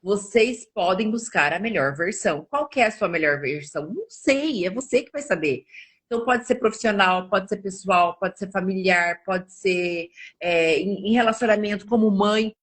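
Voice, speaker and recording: A woman's voice: mid-range voice, normal speed, breathy edge. A woman in her forties, a nutritionist, telling personal stories in a casual podcast chat and acting out the quoted dialogue. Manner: animated, acts out quoted dialogue.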